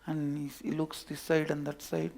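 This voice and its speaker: Male spiritual teacher, Indian English accent, lively parable storyteller, higher voice. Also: normal speed, gravelly. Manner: animated storyteller, acting out characters. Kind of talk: storytelling sermon.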